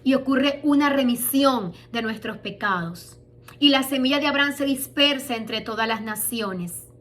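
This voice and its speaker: A woman's voice: high voice, normal speed, fairly bright tone. A woman preaching a sermon, asking rhetorical questions and reading scripture with emphasis.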